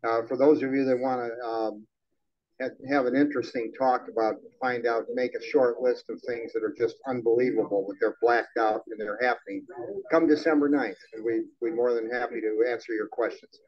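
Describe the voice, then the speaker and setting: A man's voice: medium pitch, steady tone, brisk. An older man making rambling, wry club announcements at a microphone in a small meeting hall. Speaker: event host announcer. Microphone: handheld microphone on stand. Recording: dull lo-fi sound.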